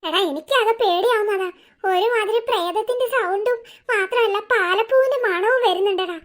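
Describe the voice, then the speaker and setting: A woman's voice: very high-pitched, moderate pace. A woman voicing a timid young man in a cartoon who is scared of ghosts, nervous and whiny.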